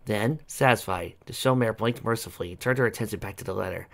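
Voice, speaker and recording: A man narrating a fan fiction story aloud in an expressive storytelling manner. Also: on the low side, fast, gravelly. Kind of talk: fan fiction audiobook reading.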